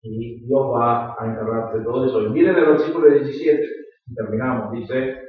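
A man's voice: medium pitch, moderate pace. A man with a Rioplatense accent, preaching a sermon as a pastor in an earnest, explanatory way with emphatic rises. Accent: Rioplatense Spanish. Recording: echoey hall, distant, dull sound.

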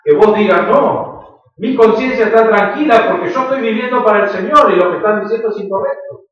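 High-voiced Rioplatense pastor in echoey hall. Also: male voice, fairly quick. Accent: Rioplatense Spanish. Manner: earnest, explanatory, emphatic rises. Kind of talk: sermon. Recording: echoey hall, distant, dull sound.

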